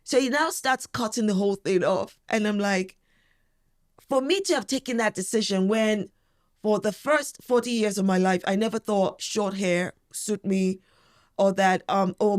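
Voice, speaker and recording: A woman's voice: mid-range voice, moderate pace, darkish tone. A woman in her forties speaking as an interview guest, talking candidly in an emphatic, outspoken and forthright way. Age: 40s.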